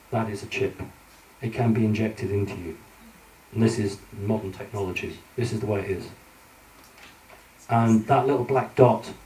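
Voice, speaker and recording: A man's voice: lowish voice, darkish tone. A man giving a conference lecture from slides, earnest and hesitant with many fillers. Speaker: conference speaker. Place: conference hall. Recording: echoey hall, mic at a distance.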